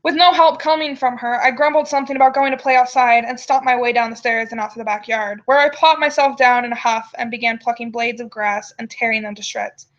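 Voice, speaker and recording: A woman's voice: a little high, steady tone, a little fast, few pauses. A woman storyteller reading a first-person tale aloud on a dull, lo-fi microphone. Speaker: storyteller and show host.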